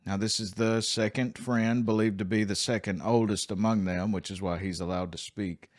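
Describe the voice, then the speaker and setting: A man's voice: on the low side, steady tone, normal speed. A man teaching a Bible study, speaking earnestly and stressing key points as he moves between commentary and reading scripture aloud.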